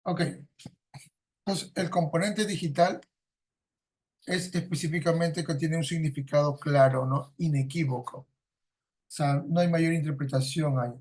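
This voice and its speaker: A man's voice: a little high, fairly even intonation, a little slow, long pauses, a little mellow. A man teaching a class, explaining through everyday examples, repeating his points and tagging nearly every sentence with a questioning "no?". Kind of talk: lecturing a class.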